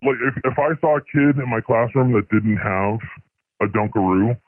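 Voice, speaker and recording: A man calling in anonymously through a voice changer, speaking hesitantly with many pauses and ums. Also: mid-range voice, no echo. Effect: voice changer disguising his voice. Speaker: anonymous caller. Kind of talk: confessional phone-in chat. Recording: tinny phone line.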